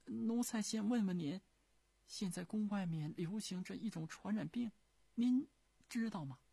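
A man voicing a sly, fawning male eunuch servant at an imperial court, wheedling and shrill. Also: a little slow, vocal fry, mellow, slightly rough, dry recording, full character voice.

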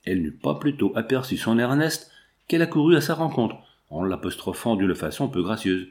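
A man reading a classic novel aloud in a measured, even storytelling manner. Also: mid-range voice. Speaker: audiobook reader.

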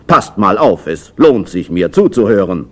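A man's voice: lowish voice, big pitch swings, measured pace, background noise. Man doing a pompous big drum. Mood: boastful. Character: big drum, a pompous fatherly percussion leader. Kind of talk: children's storybook reading. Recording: music playing behind the voice.

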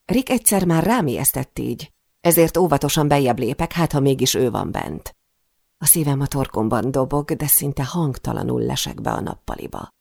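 A woman's voice: very deep voice, very animated, vocal fry, darkish tone, slightly rough, no room sound, studio quality. A woman narrating a first-person novel in a tense, intimate storytelling manner. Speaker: audiobook narrator.

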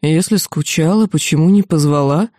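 A woman doing a deep-voiced demon lord. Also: moderate pace, mellow, no echo, studio quality. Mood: calm, amused. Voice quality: deep bass. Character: huge male demon, deep-voiced, calm and amused.

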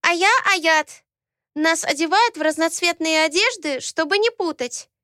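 A woman voicing a small, defiant twin girl with a high childlike voice in an audiobook. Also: measured pace, no echo, studio quality, full character voice. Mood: cheerful. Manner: high childlike voice, loud and tearful.

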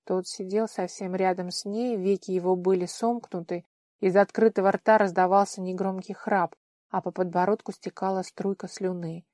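A woman's voice: medium pitch, no echo, clean studio sound. Woman reading a fantasy audiobook. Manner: expressive, measured. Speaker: audiobook narrator. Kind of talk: scripted narration.

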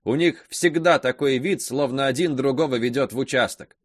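A man's voice: medium pitch, normal speed, slightly rough, no echo, studio quality, voice pushed up, lightly acted. A man reading aloud voicing a chatty young market girl who gossips eagerly. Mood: eager chatter.

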